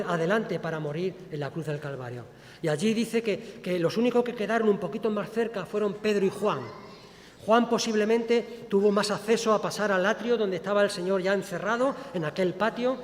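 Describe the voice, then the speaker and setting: Male preacher, high voice, expressive storytelling sermon, church with long reverb. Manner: expressive preaching, acts out quoted speech. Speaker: pastor.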